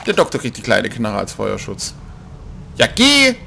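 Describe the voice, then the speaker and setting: A man commenting on a horror game in a casual, joking way. He mocks the characters on screen and drops to a hush when his character sneaks. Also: lowish voice, expressive, brisk, vocal fry, a little hiss or hum. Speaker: let's play gamer.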